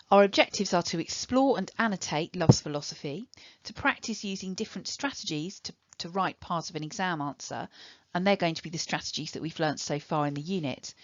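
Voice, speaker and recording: English woman teacher, low and dry. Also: animated, a little fast, no echo, muffled recording. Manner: clear, instructive, step-by-step. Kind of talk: recorded online lesson.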